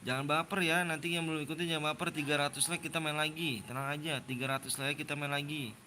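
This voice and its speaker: Speaking quickly with fairly even intonation, a twenty-something man from Jakarta chats casually on a game livestream where he runs custom game rooms. His voice sits on the high side, bright and forceful, as he repeats himself in slang and lectures viewers on manners, with slight background noise.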